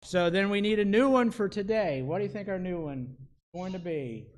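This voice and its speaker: Kids' Bible school host, broad singsong stage delivery, drawn-out call-and-response phrasing. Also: mid-range voice. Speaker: children's Bible school leader. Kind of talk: leading children in chants.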